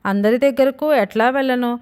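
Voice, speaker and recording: A woman's voice: fairly high pitch, normal speed, a little mellow, clear, resonant tone, lightly acted. A woman voicing a stern middle-aged father, now in his young son's body, who talks indignant and complaining.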